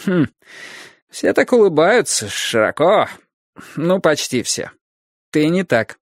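A man's voice: a little high, very animated, takes it slowly, no echo, clean studio sound, pitched above the performer's own voice, heavily acted. A man voicing a worldly, mocking teenage boy who talks in an offhand, shrugging way. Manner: shrugging, nonchalant delivery.

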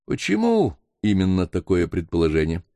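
A man's voice: sits low, wildly swooping pitch, moderate pace, dark tone, no echo, studio quality, heavily acted. A man reading aloud, voicing a proud, self-assured baronet arguing his point in an audiobook.

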